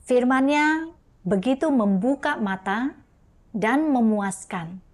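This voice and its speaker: A woman preaching a sermon in a slow, deliberate way. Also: a little high, lively intonation, a little mellow.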